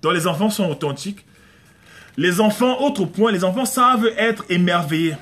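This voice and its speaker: Preaching from home in a live-streamed, conversational sermon, this pastor has a high-sitting, slightly bright, expressive voice at a moderate pace. He repeats himself for emphasis and frequently performs prayers and small dialogues.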